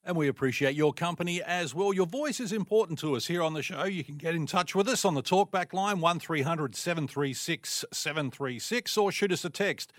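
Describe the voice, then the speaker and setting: An Australian male radio host with a slightly high voice presents sport in a polished presenter's style. He sounds close and dry, in a studio with no room echo. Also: brisk, few pauses, faint music behind.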